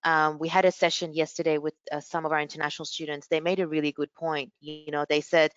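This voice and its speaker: A woman's voice: low-pitched, level tone, fast, clean tone, no echo, highs cut off. A woman hosting a university video call session, chatty with many fillers. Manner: friendly, lots of fillers like you know. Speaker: university staff host of student session.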